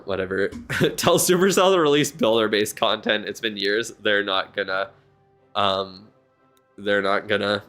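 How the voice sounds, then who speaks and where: Low-voiced tired male streamer. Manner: relaxed, rambling, thinking aloud with many fillers. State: yawning, tired. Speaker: game streamer reviewing viewer accounts. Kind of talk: casual live-stream commentary.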